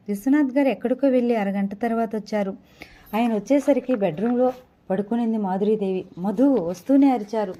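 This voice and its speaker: Woman narrator, audio novel, steady storytelling, mellow, fairly high voice.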